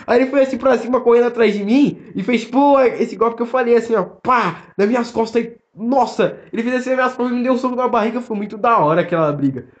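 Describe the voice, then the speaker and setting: Fast-talking young Brazilian man. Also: very high voice. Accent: Brazilian Portuguese. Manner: fast, slangy storytelling, lots of fillers. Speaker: podcast co-host. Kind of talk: casual chat. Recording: roomy, dull lo-fi sound.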